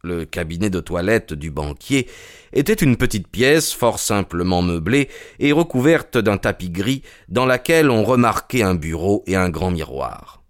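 A man reading an audiobook narration in an even, composed storytelling manner. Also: deep voice, measured pace.

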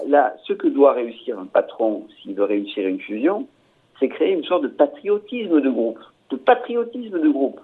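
A man's voice: medium pitch, slightly rough. A man giving commentary in a radio discussion, hesitant and often repeating words with many fillers. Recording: tinny phone-line radio sound.

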